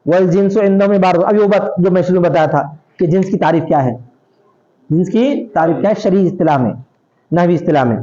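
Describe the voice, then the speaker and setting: A man's voice: high voice, warm tone. A man teaching Islamic legal theory, reading Arabic lines aloud, then explaining them and quizzing his students. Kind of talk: classroom lecture on a text. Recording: dull lo-fi recording.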